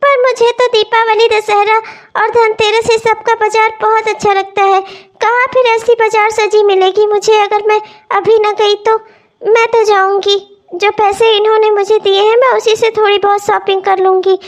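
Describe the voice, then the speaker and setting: Woman voicing a young cartoon wife, very high and piping, eager and chatty, tearful pleading. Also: little pitch movement, moderate pace. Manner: sobbing, pleading. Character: young cheerful newlywed housewife, festival-loving. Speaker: cartoon voice actor. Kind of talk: cartoon voice acting.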